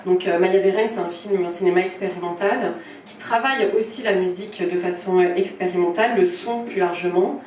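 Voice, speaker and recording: Woman hosting a film talk, halting and apologetic, sounds far off in an echoey room. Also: on the low side, a little mellow. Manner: hesitant, apologetic, lots of restarts. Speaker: event presenter interviewing a filmmaker. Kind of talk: informal spoken presentation. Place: film shop event room, with people present. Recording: roomy, distant mic, faint noise.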